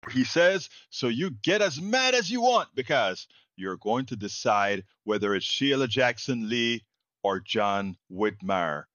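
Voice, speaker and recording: A man hosting opinionated news commentary, repeating key phrases with deliberate emphasis. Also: mid-range voice, very animated, a bit bright, dry recording. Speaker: host of political commentary show.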